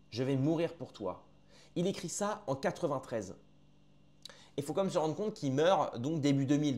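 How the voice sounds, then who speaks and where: A man of middle pitch talks casually through a reaction video, chatty and familiar with his viewers. He often restarts his sentences as he works through his thoughts. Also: a little mellow. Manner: chatty, addresses viewers as friends, hesitant with restarts. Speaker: online commentator.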